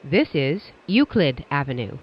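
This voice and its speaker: A subway announcer reads formal, scripted transit announcements in clipped stock phrases. He speaks slowly, though his pitch swings in a lively way, and the audio is a little dull and lo-fi.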